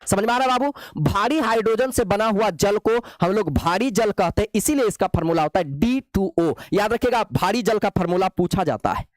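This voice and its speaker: A man's voice: high-pitched, moderate pace, hardly any pauses, dry recording. A male chemistry teacher, lecturing playfully and coaxing his students with repeated questions. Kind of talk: classroom lecture.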